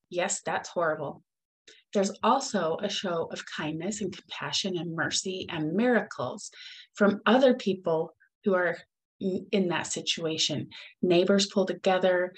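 A woman's voice: on the low side, poor audio. A middle-aged woman hosting her own podcast, talking in an earnest, upbeat, encouraging way. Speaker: podcast host. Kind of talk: solo podcast talk.

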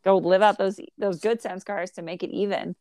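Female podcast co-host, mid-pitched, upbeat and laughing, dry close mic. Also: fairly even intonation, brisk, no room sound. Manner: warm, enthusiastic, laughs easily. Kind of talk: casual spiritual chat.

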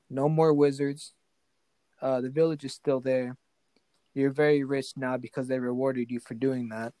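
A man's voice: mid-range voice, mellow, no room sound. A man improvising a fantasy story as game master. He talks casually and keeps checking in with the player.

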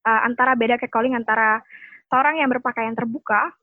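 A woman's voice: fairly high pitch, steady tone, brisk, narrow, tinny audio. A woman panelist explaining her point by citing an expert, with polite apologies. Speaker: discussion panelist. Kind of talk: explanatory discussion.

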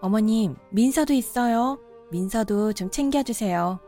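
A woman's voice: a little high, measured pace, warm tone. Woman playing a polite but firm daughter-in-law. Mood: pleading. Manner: polite, respectful, growing insistent. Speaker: voice actor in cartoon drama. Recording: faint background music.

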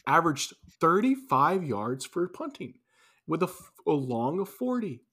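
A man's voice: on the high side, very animated, measured pace, sharp tone, slightly rough. A man co-hosting a casual sports podcast, talking loosely with restarts and wry asides. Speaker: podcast co-host.

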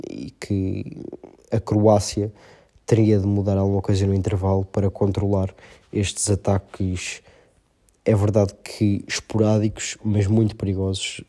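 A man with a European Portuguese accent analysing a football match, his voice a little off from being slightly ill, speaking hesitantly with many filled pauses. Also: deep voice, warm tone.

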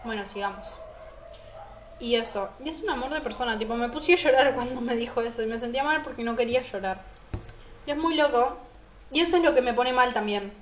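High-voiced Rioplatense teen girl. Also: fast talker, roomy sound, a little hiss or hum. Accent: Rioplatense Spanish. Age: teens. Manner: chatty and emphatic, talking while eating. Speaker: vlogger. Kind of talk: casual spoken diary monologue.

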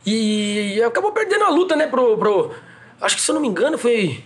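Man, Brazilian Portuguese accent, high voice, rapid slangy delivery for casual podcast reminiscing. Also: big pitch swings, a bit bright. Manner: slangy, recounting memories informally. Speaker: breakdancer on a podcast.

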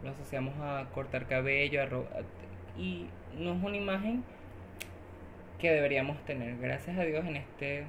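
A woman with a low-pitched voice speaks at a moderate pace as a guest in a casual podcast conversation. She is emphatic, often agrees with the host, and piles up repeated phrases, with background noise present.

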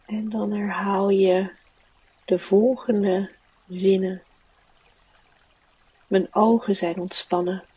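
Soft husky woman guiding a slow meditation. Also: mid-range voice, flat delivery, no room sound, far from the mic, rough recording. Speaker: mindfulness teacher and meditation guide. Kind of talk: guided relaxation meditation.

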